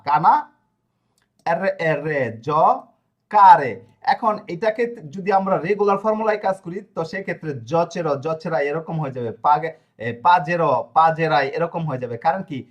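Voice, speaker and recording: A man teaching a grammar lesson to a class, explaining step by step and often asking if students follow. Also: high-pitched. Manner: explanatory, checks understanding with frequent questions; spells out verb endings slowly. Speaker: language teacher.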